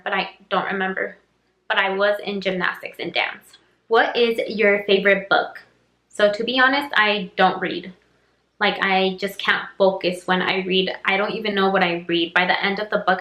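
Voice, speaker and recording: In an echoey room, a young female YouTuber, Spanish by first language, works through a casual get-to-know-me Q&A. Her mid-range voice has a sharp tone and fairly even intonation at a moderate pace, and her chatty, rambling answers are full of "like" and "um."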